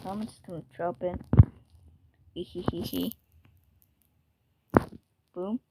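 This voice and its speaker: Slow-talking woman gaming with noise behind. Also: lowish voice, steady tone. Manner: self-mocking, jumpy, drops into whispers and sudden yells. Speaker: gamer. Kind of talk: casual game commentary.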